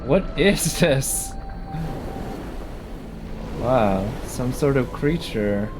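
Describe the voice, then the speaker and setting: This man's medium-pitched, expressive voice moves extremely slowly as he casually commentates a video game live. He thinks aloud and keeps questioning what's in front of him while loud game music plays underneath.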